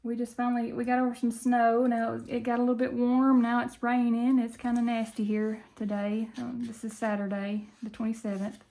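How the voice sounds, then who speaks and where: A woman with a fairly high voice and a country Appalachian accent from Tennessee. She talks in a folksy, chatty way, like a video host casually addressing her viewers. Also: level tone, moderate pace, hardly any pauses, mellow, rough recording. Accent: country Appalachian Southern US, Tennessee. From Tennessee, southern US.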